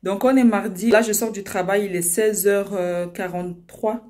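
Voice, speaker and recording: A young woman chatting casually in a vlog, excitable and full of fillers and repeated words as she unpacks her orders. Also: medium pitch, normal speed. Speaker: small-business vlogger. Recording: echoey room with loud rustling noise. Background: crinkling packaging and clicks.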